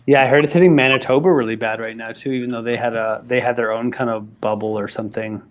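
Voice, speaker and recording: A man running a tabletop game over a video call from home, talking fast with many restarts and fillers. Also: mid-range voice, fairly even intonation. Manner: quick, halting talk with many restarts and fillers. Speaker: game master. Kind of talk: casual chat and game narration on a live stream. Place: home in Halifax.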